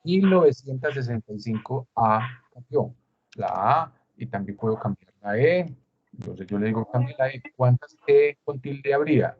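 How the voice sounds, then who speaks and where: Colombian guy teaching a spreadsheet class on a video call, middle pitch, kinda dull muffled audio. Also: expressive, moderate pace. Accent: Colombian Spanish. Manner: explains step by step with rhetorical questions. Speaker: instructor. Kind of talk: screen-share tutorial.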